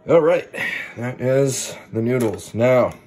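A man's voice: medium pitch, animated, takes it slowly, background noise. A young adult man chatting in a laid-back, rambling, sweary way, full of slang, as in a home food vlog. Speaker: food challenge vlogger. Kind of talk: casual, rambling vlog chat. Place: at home, kitchen and small room. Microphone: handheld phone, later camera on desk.

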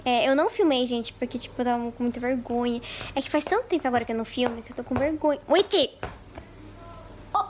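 A young woman with a high voice chats casually into a handheld camera at home, rambling and full of fillers. Now and then she drops into fond baby talk for her cat. A faint room ambience hums behind her. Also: rapid-fire, darkish tone, a little hiss or hum. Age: young adult. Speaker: vlogger. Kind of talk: casual vlog chat. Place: at home, first kitchen then living room.

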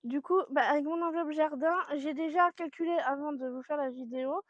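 Chatty high-voiced woman. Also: fairly even intonation, a little fast, no echo. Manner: chatty, rambling, with many fillers and laughs. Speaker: vlogger showing her grocery haul. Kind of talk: casual chat to camera. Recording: dry, dull lo-fi sound.

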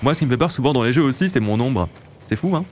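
A man's voice: medium pitch, expressive, fast talker, a little mellow. A man in his late twenties hosts a let's play, chatting casually to viewers as he plays. He talks in an easy, loose way. A faint hiss sits behind his voice. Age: late 20s. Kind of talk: casual gameplay commentary.

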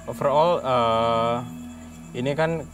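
A man's voice: mid-range voice, takes it slowly, over music. A man with an Indonesian accent describing a place's negative energy in a casual chat, hesitant and full of fillers. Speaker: paranormal investigator.

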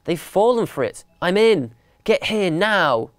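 A man's voice: sits high, big pitch swings, measured pace, dry recording, studio quality, voice pushed up. A man doing Cornelius, a bossy mouse boss. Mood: commanding. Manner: crisp, officious and commanding. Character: scheming mouse gang boss in disguise, smooth and bossy.

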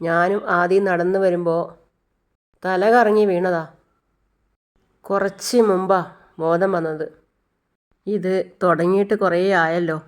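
Weary sick mother, slow pleading delivery, read by a woman storyteller. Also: fairly low pitch, steady tone. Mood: soothing. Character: ailing middle-aged mother, weary and pleading.

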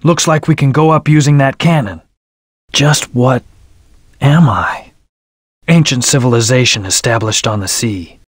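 A man's voice: medium pitch, unhurried, breathy edge, no echo, studio quality. An actor playing a brooding, aloof hedgehog antihero in a video game, terse, serious and commanding as he leads his team. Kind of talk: English video game voice acting, short battle callouts.

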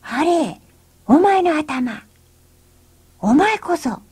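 Woman playing panicky, high-pitched young men. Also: big pitch swings, drawn-out words, a little mellow, heavily acted. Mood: startled. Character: two frightened young village men.

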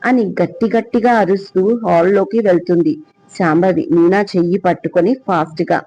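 A man reading an audio story aloud as its storyteller, in a steady, even manner. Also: high voice, brisk, no echo. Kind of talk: scripted audio story narration. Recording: dull lo-fi sound.

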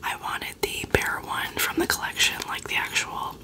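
A woman in her twenties whispering casual ASMR chat in a hushed, unvoiced voice, close to the microphone. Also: moderate pace. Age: 20s. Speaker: ASMR video host. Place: small dim bedroom, indoors.

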